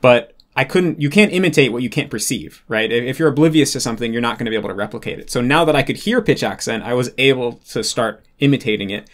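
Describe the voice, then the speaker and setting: A man in relaxed conversation, speaking at a middle pitch with an even, ordinary voice. He explains his points patiently and thinks out loud, with plenty of casual fillers along the way. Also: quick pace, hardly any pauses. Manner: thoughtful, explanatory, many "like" fillers. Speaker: interview guest, Japanese learner.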